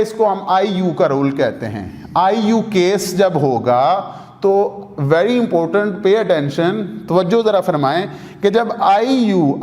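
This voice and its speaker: A man's voice: high-pitched, darkish tone, in a large hall. A man with a Pakistani Urdu accent teaching a language lesson, talking to his students, repeating each rule and asking them questions. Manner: addresses students directly, repeats rules, asks questions. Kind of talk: explanatory lesson.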